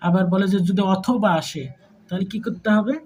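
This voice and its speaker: A man's voice: sits high, a little fast, darkish tone, a little hiss or hum, rough recording. A man with a Bangladeshi Bengali accent teaching a math lesson to students in a chatty way. He mixes in English terms and keeps asking whether the class follows him. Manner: conversational, mixes English terms, checks understanding with repeated questions.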